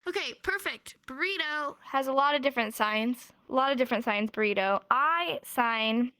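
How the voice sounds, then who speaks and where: A woman's voice: sits high, animated, moderate pace, bright, forceful tone, clean tone, no room sound. An American woman teaching a casual sign language class, upbeat and encouraging, laughing often. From United States. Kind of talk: casual live class in a virtual world.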